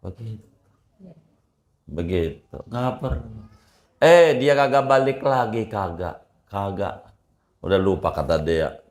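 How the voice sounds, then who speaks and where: A male Islamic preacher, giving a folksy religious lesson full of jokes and loud rhetorical questions. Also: lowish voice, expressive, slow, pauses often. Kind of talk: religious study lecture. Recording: roomy echo.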